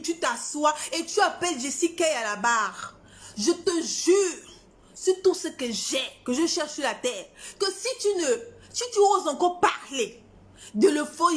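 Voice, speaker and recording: A high-pitched woman from Gabon speaks straight to her audience in a heated rant. She is defiant and confrontational, hammering her points again and again. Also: a bit bright. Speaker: singer. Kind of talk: heated social media rant.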